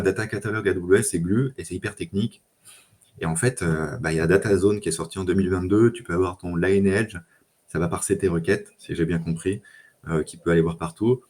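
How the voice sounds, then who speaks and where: A man speaking in casual tech chat as a data engineer guest, relaxed, with lots of fillers and restarts. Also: low-pitched, fairly quick.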